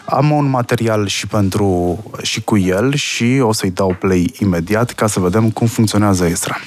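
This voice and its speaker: A male presenter who introduces and explains a video clip in a steady, explanatory way. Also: on the low side, normal speed.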